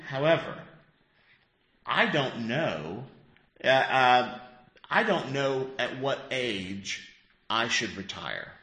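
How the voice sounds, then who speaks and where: A man's voice: medium pitch, lively intonation, takes it slowly, pauses often, bright, forceful tone. A man in his fifties, a pastor teaching a Bible class in a conversational way, asking the group questions. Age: 50s. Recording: echoey room.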